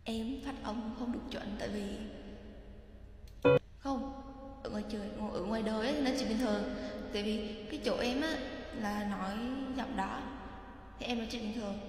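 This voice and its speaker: A woman's voice: fairly high pitch, moderate pace, pauses often. A woman in casual, teasing chat, joking around with friends. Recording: echoey room with faint music.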